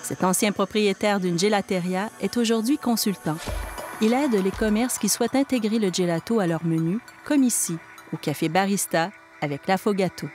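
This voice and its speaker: A woman with a Québécois French accent giving scripted narration for a food report, in an even, measured delivery. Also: medium pitch, soft background music.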